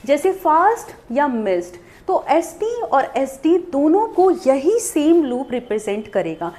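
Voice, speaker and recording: A woman's voice: high voice, very animated, slow, dark tone. A woman teaching a shorthand lesson on video, explaining step by step and asking questions she then answers herself.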